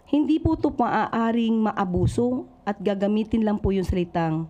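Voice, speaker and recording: A woman giving a polite, measured press statement as a government spokesperson. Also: mid-range voice, animated, mellow, dull audio.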